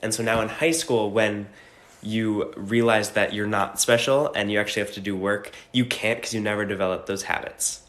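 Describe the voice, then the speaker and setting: Man musing casually, low voice. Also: moderate pace. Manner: relaxed, many fillers. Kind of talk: casual talk to camera.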